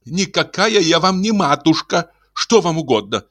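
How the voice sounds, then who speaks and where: A man's voice: fairly high pitch, big pitch swings, moderate pace, fairly bright tone, dry recording, voice pushed up. A man voicing a bossy, impatient middle-aged wife who talks in short, scolding orders. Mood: stern. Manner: curt, scolding.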